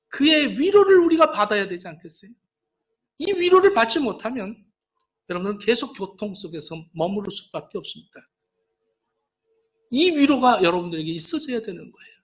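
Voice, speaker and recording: Man, pastor, sermon, high voice, rhetorical questions, hushed then emphatic. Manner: asks the congregation rhetorical questions; swings between soft, hushed lines and raised, emphatic ones.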